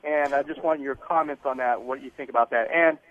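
A man calling in to a radio show over the phone, asking his question in a hurried, informal way with filler ums. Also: mid-range voice. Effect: heard over a phone line. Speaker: caller. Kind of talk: call-in question to a radio host. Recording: narrow phone-line sound.

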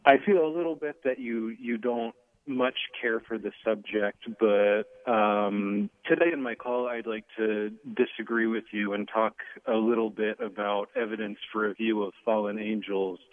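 A man's voice: lowish voice, normal speed. A man phoning in to a radio show as a caller, polite and somewhat hesitant, heard over a phone line. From Seattle, Washington area. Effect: phone line call-in audio. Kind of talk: casual call-in question. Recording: tinny dry phone line.

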